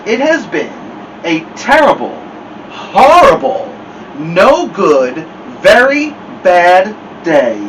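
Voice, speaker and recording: A man's voice: sits high, huge pitch swings, slow, fairly bright tone. A man hosting a children's story time, speaking with dramatic emphasis as in a picture book read-aloud. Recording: dull, distant mic with clear background noise.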